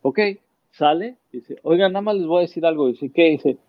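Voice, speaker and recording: Man, sports commentator guest, lively storyteller, slightly high voice, dull dry sound. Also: normal speed, no echo. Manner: animated anecdote-telling, acts out quotes. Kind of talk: casual interview storytelling.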